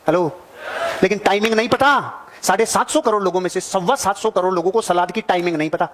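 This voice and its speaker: Male motivational seminar speaker, high voice, rapid emphatic delivery, works the crowd. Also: fairly bright tone. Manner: emphatic, repetitive, addresses audience directly. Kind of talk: seminar speech to a live audience.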